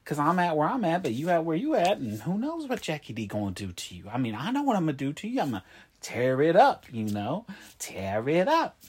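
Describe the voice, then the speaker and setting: A man's voice: on the high side, huge pitch swings, brisk, breathy edge, exaggerated voice. A man playing a broke, boastful self-styled ladies' man who talks about himself in the third person. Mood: swaggering. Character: boastful broke male player, crude and vain.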